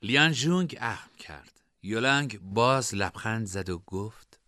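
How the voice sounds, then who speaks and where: A man narrating a scripted storybook in an expressive reading style. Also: fairly low pitch, no room sound, studio quality.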